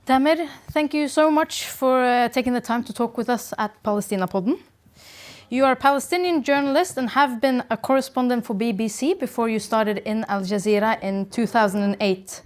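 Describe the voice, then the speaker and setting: A woman's voice: fairly high pitch, brisk. A woman with a Norwegian accent hosting an event, formally reading an introduction and questions, a little nervous. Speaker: event host and interviewer.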